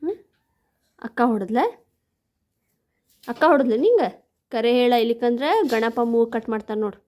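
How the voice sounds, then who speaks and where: A woman's voice: fairly high pitch, normal speed, a little mellow. A woman with a North Karnataka Kannada accent, chatting at home in a casual vlog and coaxing small children with teasing questions. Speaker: vlogger and mother.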